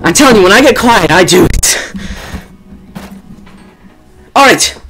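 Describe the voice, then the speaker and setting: A young man gives loud, joking commentary while he plays through a video game. His voice is high and jumps around a lot. Quiet game music runs underneath. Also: lively intonation, measured pace. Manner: hyped, jokey, loud. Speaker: gaming YouTuber. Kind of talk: let's play commentary.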